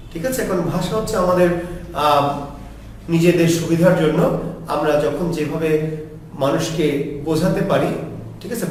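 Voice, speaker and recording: A man's voice: sits high, darkish tone. Male teacher who asks and answers his own questions, recorded from afar with faint noise behind. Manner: asks questions and answers them himself, repeats "ঠিক আছে?". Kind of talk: classroom lecture on pronunciation. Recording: echoey room heard from a distance, faint background noise.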